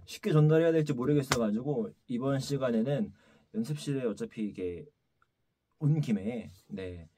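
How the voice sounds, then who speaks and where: A man gives a casual instrument lesson from a practice room. His pitch jumps around a lot, with sudden loud shouts to demonstrate a technique, and he keeps repeating his key words. A faint hiss sits under the recording. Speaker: taepyeongso teacher.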